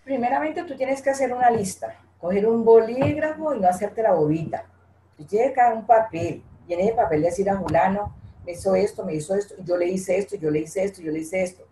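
A woman's voice: mid-range voice, fairly quick, dark tone, reverberant, slight background noise, poor audio. An older woman speaking earnestly and from the heart in an interview, often repeating her phrases. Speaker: guest, interviewee's mother. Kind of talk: emotional interview talk.

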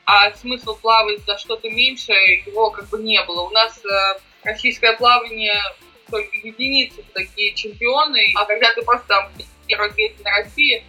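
Young woman, very bright sharp voice, slushy lisping s, casual interview answers, music behind. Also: a little high, fairly even intonation, moderate pace, breathy edge, rough recording. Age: young adult. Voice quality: slushy lisp from new braces, sh-like s. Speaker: podcast guest, amateur triathlete and former swimmer.

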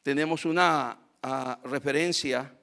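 A man preaching a sermon to a congregation, impassioned, dropping to quiet asides and rising to loud cries. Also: medium pitch, steady tone, a little slow, vocal fry. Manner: addresses congregation as brothers, calls for amen.

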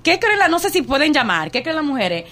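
A woman's voice: high-pitched, very animated, brisk, bright, forceful tone. A woman from New York, a guest artist on a radio show, mixing English words into her Spanish with many fillers and restarts. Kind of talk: casual radio interview chat.

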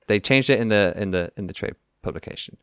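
A man's voice: fairly low pitch, quick pace, fairly bright tone, clear, resonant tone, no echo, studio quality. A male podcast host chatting casually in an enthusiastic, rambling way, with lots of fillers. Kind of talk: casual chat.

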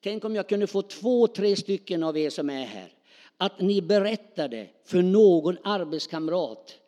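A middle-aged male preacher with a high voice delivers a lively, spontaneous sermon, throwing questions out to his congregation. His voice rings through a church hall with a long reverb trailing behind each phrase. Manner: animated, spontaneous, calls out to the congregation.

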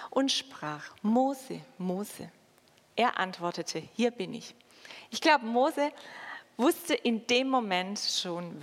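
Slow woman preacher in reverberant church. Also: medium pitch. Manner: slow, measured delivery with dramatic pauses. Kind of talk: sermon with scripture reading.

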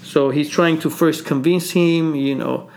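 A man co-hosting a casual talk, telling a history story in an animated way, with frequent laughter and many fillers. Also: a little high, measured pace, creaky, a little hiss or hum. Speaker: co-host.

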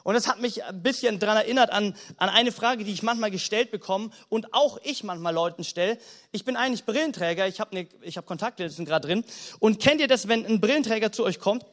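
A man's voice: high voice, a little fast, fairly bright tone. A man preaching a sermon to a congregation, talking to them directly and with emphasis. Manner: direct, emphatic, keeps addressing the congregation with "hey". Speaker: pastor. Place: church service before a congregation.

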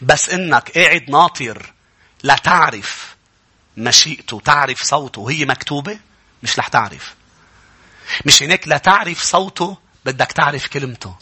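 A male pastor with a Lebanese Arabic accent preaching a sermon, building from conversational teaching to impassioned shouting. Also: a little high, lively intonation, normal speed, long pauses, breathy edge.

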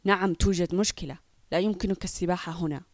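A woman's voice: on the low side, fast talker, a little mellow, no echo, studio quality, pitched below the performer's own voice, close to an everyday voice. A woman doing a scornful, rude lifeguard. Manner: contemptuous and curt. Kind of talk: children's audio story.

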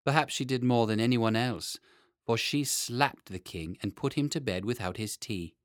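A man narrates a children's story expressively, like an audiobook reader. His pitch is medium and his pace moderate, recorded with studio quality and no echo.

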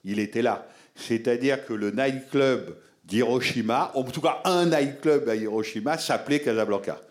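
A man's voice: mid-range voice, normal speed. A man giving a public talk on film, answering audience members in an explanatory, emphatic way and addressing listeners directly.

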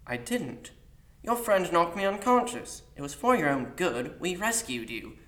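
A man voicing a sharp, evasive young woman who talks down to her captive. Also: sits high, sing-song, measured pace, roomy sound, voice pushed up, full character voice. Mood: curt. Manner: curt and condescending.

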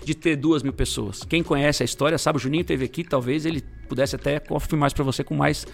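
Fast, gravelly São man. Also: fairly high pitch, fairly even intonation, soft background music. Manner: slangy, emphatic storyteller, bursts of loudness. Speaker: guest sharing conversion testimony. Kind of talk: casual testimony chat.

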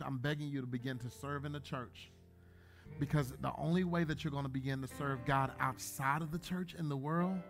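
A man in his thirties, a pastor, preaching a sermon in a church, joking at times and then building to loud, emphatic bursts. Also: medium pitch. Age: 30s.

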